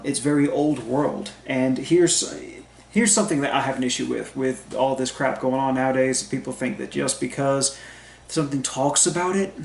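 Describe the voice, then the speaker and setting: A man talks through a book review in a loose, easygoing way, stopping often for ums and uhs. His voice sits at an ordinary middle pitch. The room is echoey, and a faint hum runs underneath. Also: creaky. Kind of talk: casual spoken book review. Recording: roomy echo with faint background hum.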